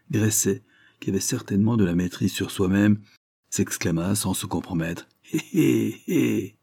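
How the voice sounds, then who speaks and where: A man narrating an audiobook in a measured, literary reading style. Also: sits low, warm tone, husky, no echo, studio quality. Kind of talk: scripted narration.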